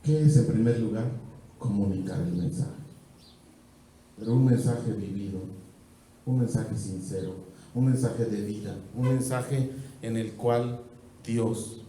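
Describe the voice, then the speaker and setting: A male pastor with a Mexican accent preaching an evangelistic sermon, building through repeated phrases and falling back to quiet stretches. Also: on the low side, unhurried, long pauses, a little hiss or hum. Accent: Mexican Spanish. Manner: rhythmic preaching with repeated phrases, swelling and dropping. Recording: very echoey church hall, mic far off.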